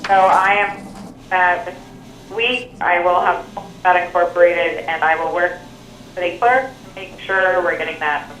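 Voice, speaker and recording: A woman's voice: on the low side, fairly even intonation, a little slow, a bit bright. A woman serving as city attorney, calling in on a crackly phone line that fades in and out and giving a brief, matter-of-fact update. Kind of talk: remote update at a council meeting. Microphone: phone call. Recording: echoey, noisy phone call.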